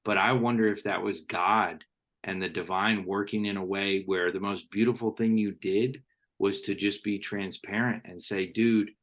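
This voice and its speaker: A man hosting an interview, talking earnestly and slowing down to stress his points. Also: on the low side, fairly even intonation, fairly bright tone. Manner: earnest, quotes thinkers, slows for emphasis. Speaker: podcast host. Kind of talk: reflective interview talk.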